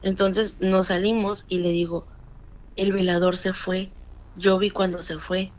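A woman's voice: medium pitch, measured pace, lo-fi sound. Mexican woman telling a scary story. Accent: Mexican Spanish. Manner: animated retelling with quoted dialogue. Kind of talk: casual storytelling.

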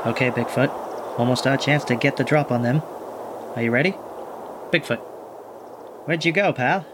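A man's voice: medium pitch, normal speed, noisy background, lightly acted. A man playing a plucky, kindhearted, wisecracking monster hunter who narrates and acts in a children's audio adventure with folksy exclamations. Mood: hushed. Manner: folksy exclamations, animated chatter to sidekick.

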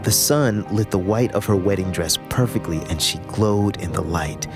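A man narrating a personal story in the first person, reflective and expressive with dramatic pauses. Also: lowish voice. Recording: music bed under the voice.

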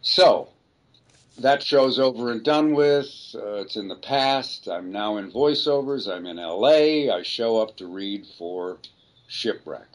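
An older man, a voice actor, telling a rambling, relaxed story in an interview. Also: on the low side, slow pace. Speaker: voice actor guest. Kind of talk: anecdotal storytelling.

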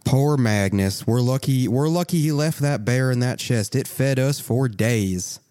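A man's voice: medium pitch, measured pace, warm tone, smooth, pitched above the performer's own voice, lightly acted. A man voicing a folksy male shopkeeper with a put-on Southern accent, in a tabletop game.

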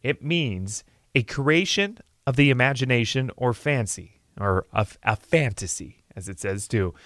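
A man's voice: mid-range voice, measured pace, dry recording, clean studio sound. A man hosting a morning radio show with cheerful, upbeat patter. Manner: cheerful, lively delivery. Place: radio studio.

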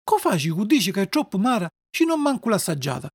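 A reader voicing a patient, motherly fairy who gently coaxes a child, speaking in a dialect. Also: medium pitch, very animated, quick pace, slightly rough. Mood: firm. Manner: gentle, coaxing.

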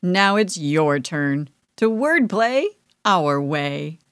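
A woman hosting a children's program, explaining steps in a lively, sing-song way. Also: low-pitched, drawn-out words, smooth, no room sound, studio quality, soft background music. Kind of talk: narration for children.

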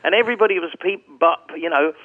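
A singer in his seventies, heard over phone-line audio with no room sound, chats casually as an interview guest. His voice is a little high and quick, and he rambles through anecdotes, restarting as he goes.

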